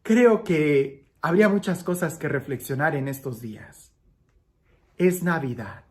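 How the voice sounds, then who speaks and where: Expressive priest preaching a homily. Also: male voice, on the high side, measured pace. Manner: expressive, swings from lively raised passages to soft hushed ones; repeats phrases for emphasis. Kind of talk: daily gospel homily.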